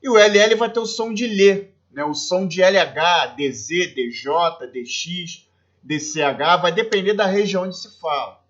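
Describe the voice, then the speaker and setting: In a recorded lesson, a Spanish teacher from Brazil explains step by step with a Brazilian Portuguese accent, frequently checking in with his students. His voice sits high and is a bit bright, his pace unhurried, and the audio sounds dull.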